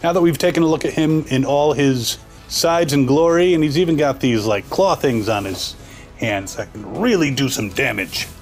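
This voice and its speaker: A man's voice: medium pitch, moderate pace, faint music behind. A man hosting a casual toy unboxing review, talking through it with joking, wisecracking asides.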